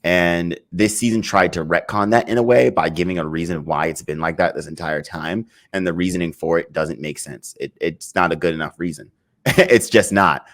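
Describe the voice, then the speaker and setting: A man's voice: deep voice, fairly even intonation, a little fast, hardly any pauses. A man co-hosting a casual podcast, rambling and swearing as he picks apart a story, restarting his sentences. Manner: rambling, restarts often, swears, laughs in frustration. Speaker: podcast co-host. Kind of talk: casual chat.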